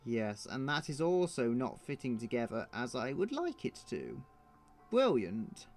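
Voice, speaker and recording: A man's voice: mid-range voice, animated, moderate pace, faint music behind. A man streaming his drawing, thinking aloud in a muttering, self-deprecating way.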